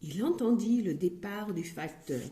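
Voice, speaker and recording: A woman reading a children's story aloud in an expressive, playful way, recorded in an echoey room. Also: mid-range voice, a little slow, slight background noise.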